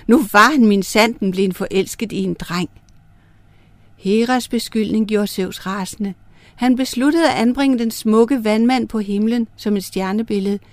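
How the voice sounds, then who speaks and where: A woman narrating star myths and a fairy tale for children, reading in a clear, gentle way. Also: medium pitch, no echo. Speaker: storyteller.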